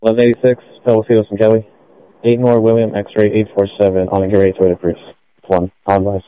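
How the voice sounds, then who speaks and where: Muffled radio voice of a low-pitched man. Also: level tone, brisk, clear, resonant tone, no echo. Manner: clipped call signs and codes. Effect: muffled, breaking-up radio transmission. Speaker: patrol officer on the radio. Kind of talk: police radio traffic. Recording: muffled, narrow-band police radio.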